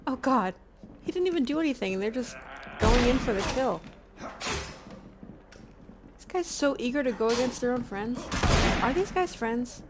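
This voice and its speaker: A woman's voice: on the high side, lively intonation, moderate pace, long pauses, very noisy. A woman giving casual gameplay commentary as a streamer, talking to herself with self-deprecating humor and sometimes fumbling for words. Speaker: game streamer. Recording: music behind the voice. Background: game music and sounds.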